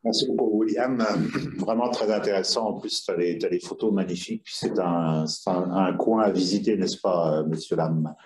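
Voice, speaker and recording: A man with a low voice puts an academic question in a conversational style. He talks discursively and rewords his thought along the way. The recording has plenty of room echo. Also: moderate pace, few pauses, darkish tone. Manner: discursive, rephrasing as he goes. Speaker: audience questioner. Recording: roomy, echoing sound.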